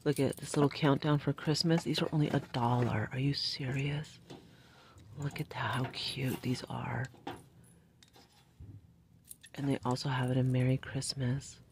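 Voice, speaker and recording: A woman's voice: extremely low pitch, steady tone, normal speed, a little mellow, a little hiss or hum. A woman, chatting casually through a store as she shows off cute finds on a handheld phone. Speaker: shopping vlogger. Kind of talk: casual shop-with-me commentary. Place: retail store aisle. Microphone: handheld phone camera.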